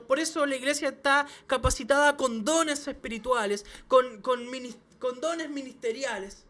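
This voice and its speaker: A man, a pastor, preaching a sermon to his church with emphatic repeated phrases and quick restarts. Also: extremely high pitch, a bit bright. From Chile. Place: church service.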